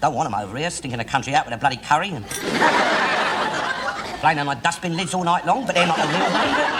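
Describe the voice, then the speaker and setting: A blustering, bigoted middle-aged Cockney, ranting with swearing and tag questions. His pitch swings widely as he holds forth. The old TV recording carries a noticeable hiss. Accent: London Cockney. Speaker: sitcom lead character. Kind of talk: 1960s TV sitcom acting. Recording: noisy old TV soundtrack.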